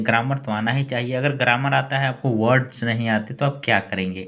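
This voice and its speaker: A man hosting a language lesson, spelling words out slowly letter by letter and often checking with the listener. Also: medium pitch. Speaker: English teacher, channel host.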